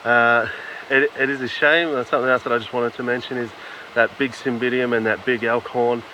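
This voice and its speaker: A man giving casual on-location commentary outdoors in a rainforest, halting and full of "uh" fillers. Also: medium pitch, little pitch movement, sharp tone, low-quality recording. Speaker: field presenter. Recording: outdoor field recording with noticeable background noise.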